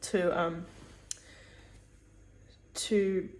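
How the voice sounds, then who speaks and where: A woman's voice: on the low side, flat delivery, very slow, slight background noise. A woman giving a casual spoken religious teaching, hesitant, with many fillers and restarts.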